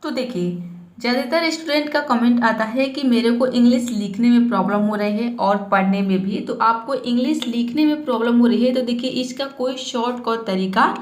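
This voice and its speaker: Patient woman teacher, echoey room. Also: a little high. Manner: patient, repeats "theek hai" to check in; spells words out slowly letter by letter. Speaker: English teacher. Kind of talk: spoken lesson.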